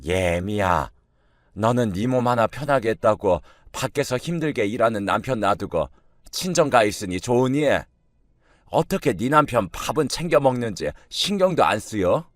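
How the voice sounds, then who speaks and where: A man's voice: mid-range voice, lively intonation, normal speed, no room sound, clean studio sound, lightly acted. A man voicing a reproachful older mother-in-law who scolds her daughter-in-law in a read-aloud story.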